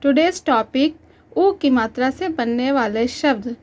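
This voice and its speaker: Woman, teacher, children's lesson voice-over; slow, clear, patient delivery. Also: sits high, animated, a little mellow. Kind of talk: children's Hindi lesson, reading syllables aloud.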